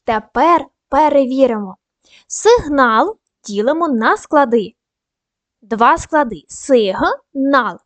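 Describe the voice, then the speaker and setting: High, dry-voiced woman teaching children. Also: dry recording. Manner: clear, patient, slow spelling out of sounds and syllables. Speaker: primary school teacher. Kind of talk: video lesson for children.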